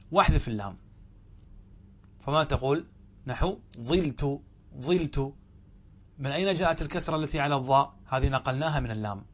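A sheikh teaching a grammar lesson, reading a classical text, asking his class questions and answering them himself. He slows down to stretch out each example word and says it again. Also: a little high, fairly bright tone. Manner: drawls example words slowly and repeats them.

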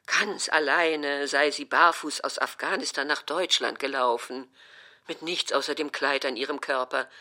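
A woman doing a sharp-tongued stubborn old mother. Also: extremely low pitch, voice pushed down, exaggerated voice. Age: older. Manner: scornful, quarrelsome, cutting. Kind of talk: audiobook reading.

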